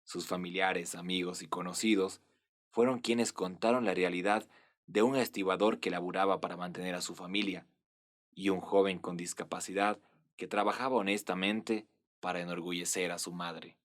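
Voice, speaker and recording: A man reading scripted documentary narration in a measured, even delivery. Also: deep voice.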